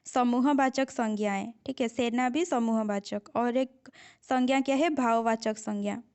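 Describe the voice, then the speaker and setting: High-pitched woman teacher going over exam grammar, patient, keeps repeating stuff and checking everyone's with her. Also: unhurried, darkish tone, clean tone. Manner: explains patiently, repeats key points with frequent "theek hai" checks. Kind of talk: exam-prep grammar lesson.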